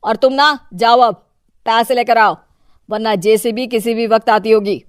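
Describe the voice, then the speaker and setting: A woman's voice: fairly high pitch, steady tone, a little slow, no echo, studio quality, lightly acted. A woman voicing a domineering, corrupt, self-important husband and politician in a cartoon moral story. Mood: angry, bossy.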